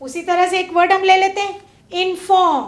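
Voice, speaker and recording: A woman teaching a class, asking her pupils questions and drawing out example words slowly. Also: very high voice, fairly even intonation, roomy sound. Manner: slow, drawn-out stress on example words; asks pupils questions and waits. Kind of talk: classroom lesson. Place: studio classroom.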